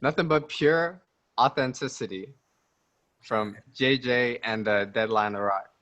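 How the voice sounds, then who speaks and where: A man's voice: mid-range voice, takes it slowly, a bit bright. A 19-year-old man chatting casually as an interview guest, joking, laughing often and rambling with restarts.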